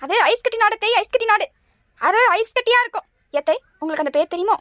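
A woman's voice: extremely high pitch, expressive, fast talker, pushed and bright, no echo, heavily acted. A woman voicing a pleading, chatty young daughter-in-law in a cartoon. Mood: excited. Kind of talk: cartoon voice acting.

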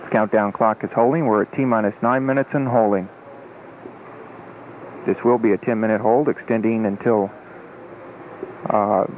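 A man giving calm, matter-of-fact official countdown commentary, with hesitant pauses. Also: fairly low pitch, phone-quality sound. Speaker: launch countdown public affairs commentator. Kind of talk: measured official live commentary. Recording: thin 1980s broadcast feed with faint noise.

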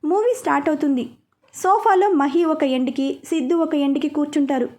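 A woman narrating a serialized story in a steady, even storytelling manner. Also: high voice, normal speed.

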